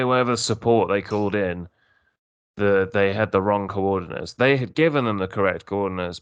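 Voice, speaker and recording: A man co-hosting a podcast, retelling stories in a relaxed way with hesitant restarts. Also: sits low, clean tone, dry recording. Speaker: podcast co-host. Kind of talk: casual podcast discussion. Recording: dull lo-fi dry recording.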